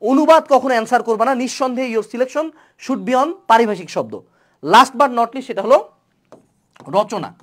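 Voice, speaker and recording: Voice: mid-range voice, lively intonation, moderate pace, long pauses. A young online tutor giving a playful webinar lecture. The tutor asks many rhetorical questions and mixes English words into the talk.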